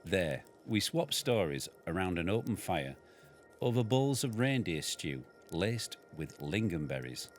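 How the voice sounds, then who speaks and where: A man reads the family's tale in a dry storytelling manner, his voice very low and deep. Faint music runs underneath. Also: big pitch swings, measured pace. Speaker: farmer reading his book aloud. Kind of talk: reading a memoir aloud.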